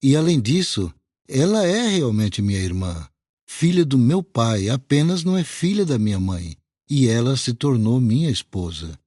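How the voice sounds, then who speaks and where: Earnest elderly patriarch, mellow voice, lively pitch, Bible audio reading, voiced by a man. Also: moderate pace, no room sound, clean studio sound. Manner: earnest, explanatory.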